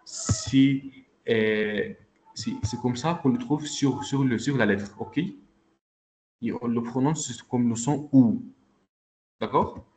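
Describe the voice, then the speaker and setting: A man's voice: mid-range voice, takes it slowly, a little mellow. Patient male teacher on a video call. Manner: patient, repeats checks like "ok?" and "d'accord?". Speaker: Arabic teacher. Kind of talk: online class teaching.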